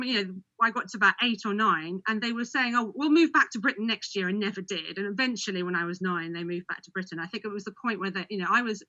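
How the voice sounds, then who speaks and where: A woman's voice: mid-range voice, bright, forceful tone, dull audio. A woman who grew up in Hawaii, chatting casually as a guest, laughing often and restarting her sentences. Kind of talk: casual conversational storytelling.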